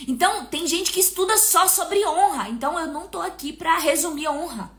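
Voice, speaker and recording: Woman, Brazilian accent, high bright voice, emotional devotional teaching, slows on key words. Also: expressive. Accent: Brazilian Portuguese.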